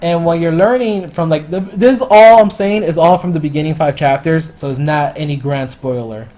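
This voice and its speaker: A man casually reviewing a story in a rambling, profane, excitable way. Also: on the high side, moderate pace. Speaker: anime and manga reviewer.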